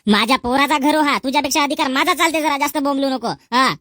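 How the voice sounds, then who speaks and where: Woman doing a shrill old village mother-in-law, nags nonstop and fast, dry close sound. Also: a bit bright, dry recording. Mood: bossy. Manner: nagging, taunting, rapid scolding. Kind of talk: rural comedy skit.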